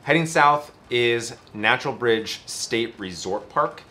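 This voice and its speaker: A man's voice: mid-range voice, lively intonation, takes it slowly, pushed and bright, a little hiss or hum. A man in his thirties chatting casually as a travel vlogger, seated outdoors by a camper in an easygoing, lightly joking way. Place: outdoors beside a camper trailer.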